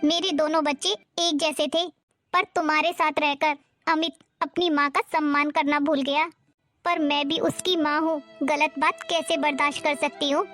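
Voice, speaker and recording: A woman's voice: sits high, level tone, normal speed, fairly bright tone, soft background music. A woman voicing a hurt elderly mother-in-law.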